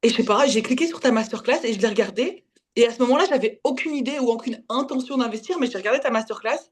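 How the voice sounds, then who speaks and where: Here a guest who guides women's spiritual development, a Belgian in her twenties, tells her own story casually in conversation. She has a fairly high, husky voice and stumbles along, revising her phrasing and mixing in bits of English.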